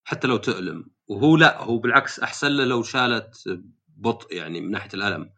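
A man's voice: medium pitch, expressive, quick pace, pushed and bright. A man hosting a podcast in casual conversation, asking long probing questions. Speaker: podcast host.

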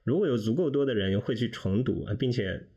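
A man in a podcast book discussion, speaking in a measured, reflective way. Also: mid-range voice, animated, dark tone, slightly rough, highs cut off. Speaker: podcast guest, reader. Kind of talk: casual discussion.

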